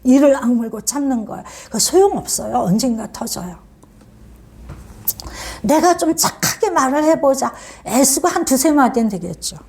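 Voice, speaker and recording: A woman preaching from the pulpit in a high voice that rises and falls widely. She presses her points with earnest repetition. She drops now and then into hushed, near-whispered asides. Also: lively intonation, moderate pace, vocal fry. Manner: earnest and emphatic, repeating key phrases; swings between lifted exhortation and hushed asides. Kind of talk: sermon.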